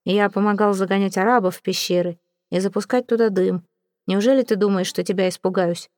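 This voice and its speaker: A woman voicing a drunk, belligerent male army lieutenant in an audiobook, speaking slowly and with contempt. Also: mid-range voice, fairly even intonation, a little mellow, no echo, studio quality, lightly acted. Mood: taunting. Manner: slow, taunting, contemptuous. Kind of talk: audiobook character reading.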